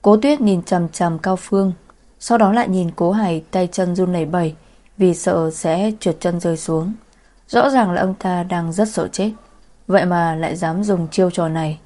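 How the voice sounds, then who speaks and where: Woman narrating a story, low-ish voice. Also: normal speed, mellow. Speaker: audiobook narrator. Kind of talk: scripted narration.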